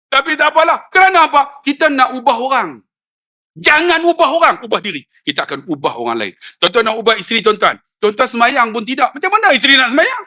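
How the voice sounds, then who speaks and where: Middle-aged malaysian malay ustaz, high voice, acts out stories, swings low to loud peaks. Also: male voice. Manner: acts out quoted dialogue in storytelling. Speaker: religious preacher. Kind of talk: lively sermon.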